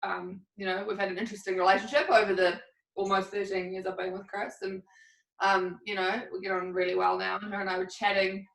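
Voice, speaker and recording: A woman's voice: mid-range voice, flat delivery, fairly quick, vocal fry, a bit bright. A woman co-hosting a podcast in a casual chat, rambling and candid, laughing often. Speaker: podcast co-host. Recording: roomy, a bit distant from the mic.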